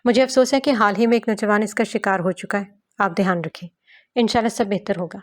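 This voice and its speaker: Woman reading a formal male doctor, measured and serious, plain delivery. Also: medium pitch, fairly even intonation, natural voice. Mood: reassuring. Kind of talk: audiobook novel reading.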